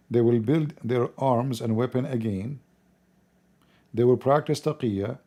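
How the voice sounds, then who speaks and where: A native Arabic speaker with an Arabic accent gives blunt, opinionated, informal political commentary. His non-native English is halting and repetitive, and his voice is medium-pitched with a dark tone.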